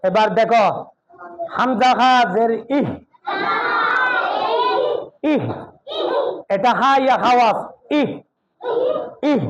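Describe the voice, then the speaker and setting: Male madrasa teacher, high-pitched and very slow, barking syllables for a class to repeat over a dull recording. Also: a loud crowd, heavy background noise. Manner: drills syllables slowly, calls class to repeat aloud; stern, raises voice on key sounds. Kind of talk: Quran recitation lesson for children. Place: classroom full of children.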